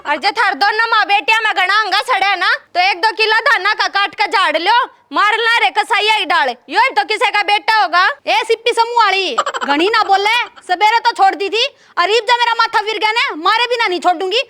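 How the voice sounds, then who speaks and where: Lady doing a haryanvi wife, super high sharp voice, fiery and scolding, village comedy. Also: moderate pace, hardly any pauses. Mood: furious, scolding. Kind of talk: village comedy sketch acting.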